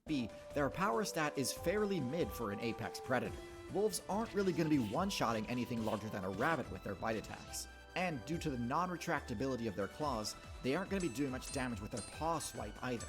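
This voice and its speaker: A man reads scripted explainer narration in a mock-documentary style. His pitch is average for a man but moves in a highly animated way, and music plays clearly underneath. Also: fast talker, few pauses. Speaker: video narrator.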